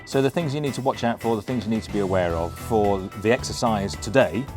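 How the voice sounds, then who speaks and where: A middle-aged or older man with a fairly low voice gives an informal, hands-on briefing as a flight instructor, talking over music. His explanations come out halting and self-correcting.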